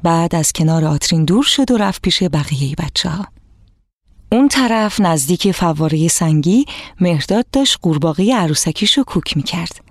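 Lively woman telling a children's story. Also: on the low side, no echo, clean studio sound. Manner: lively and expressive, addresses the children directly. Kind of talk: scripted storybook narration for children.

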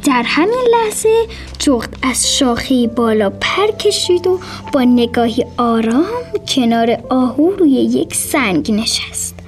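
A woman narrating a children's bedtime story gently and softly, sometimes slipping into a whisper. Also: a little high, lively intonation. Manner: gentle, soft, often drops to a whisper. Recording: faint music behind.

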